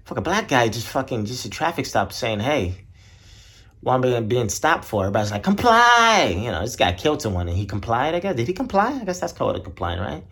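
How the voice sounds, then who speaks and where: A man's voice: lively intonation, fast, gravelly, husky. A man hosting his podcast alone, ranting bluntly with lots of profanity and rambling asides. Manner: blunt, profane, rambling, mimics others in high voices. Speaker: podcast host. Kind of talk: solo casual rant.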